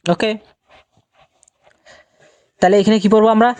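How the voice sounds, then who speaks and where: A man teaching Quran reading, patiently asking questions and answering them himself, and slowing to a drawn-out chant when he recites verses. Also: high voice, steady tone, darkish tone, clear, resonant tone, dry recording. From Bangladesh. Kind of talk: recorded Quran recitation lesson.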